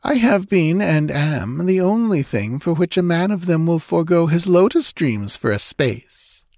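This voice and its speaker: A man's voice: a little high, very animated, a little slow, darkish tone, dry recording, studio quality, pitched above the performer's own voice. A man reading aloud and voicing a seductive, lazily mocking Stygian woman. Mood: languid boasting. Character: sultry scheming Stygian woman, mocking and languid.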